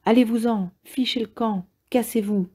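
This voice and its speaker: A woman voicing an angry middle-aged male restaurant owner who barks curt orders, in a husky, dark, low voice. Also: a little slow. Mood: furious.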